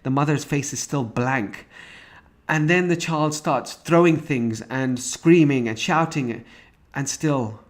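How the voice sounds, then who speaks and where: A man's voice: mid-range voice, slow. A man teaching a recorded parenting course, explaining each point step by step with frequent restarts. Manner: walks through examples and stages step by step.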